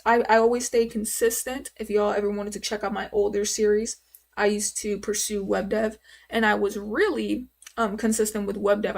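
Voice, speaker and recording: With a medium-pitched, slightly mellow voice marked by vocal fry, this woman in her twenties is live streaming. She rambles casually, fields viewers' questions and uses many fillers.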